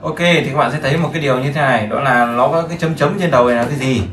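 A man's voice: mid-range voice, very fast, fairly bright tone, reverberant. A man teaching a beginner English lesson, explaining patiently and often checking that listeners follow. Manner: patient, repetitive explaining with frequent check-in questions.

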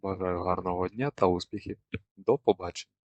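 A man's voice: deep voice, fairly even intonation, brisk. A young male student presenting a scripted language lesson, explaining a word and quizzing viewers in a teacherly way. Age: young adult.

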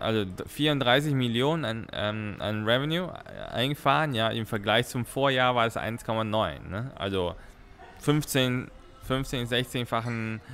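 A man's voice: mid-range voice, a bit bright, a little hiss or hum. Rambling man commenting on news. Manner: rambling, many fillers and restarts, frequent "ja" and "ne" tags. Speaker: crypto news streamer.

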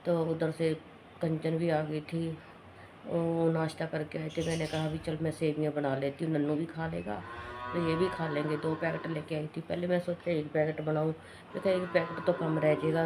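A middle-aged woman with a hoarse throat from a cough, chatting casually and rambling through her day at home in a vlog. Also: sits low, noisy background. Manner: rambling, matter-of-fact. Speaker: vlogger.

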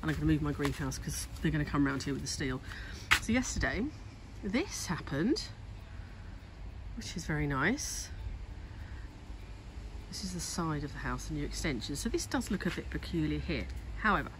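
This woman has a deep voice and speaks at a normal speed in an animated way, chatting and thinking aloud in a casual walk-and-talk vlog on her home renovation. It's a rough recording with a little hiss or hum, made on a handheld phone camera outdoors at a garden building site.

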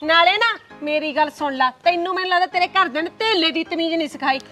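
A woman's voice: very high-pitched, fast, pushed and bright, faint music behind. A woman playing a defiant, bickering sister-in-law. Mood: arguing. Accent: Punjabi. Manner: argumentative, taunting.

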